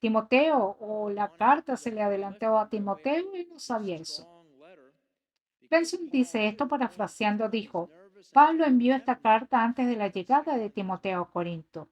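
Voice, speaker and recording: A woman's voice: fairly high pitch, animated, moderate pace, lo-fi sound. A woman giving an earnest voice-over translation of a sermon, reading scripture passages aloud. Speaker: sermon interpreter.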